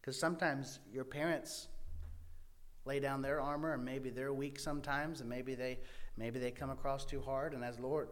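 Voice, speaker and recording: A man preaching a sermon to young people, speaking emphatically with swings between loud and hushed delivery. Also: mid-range voice.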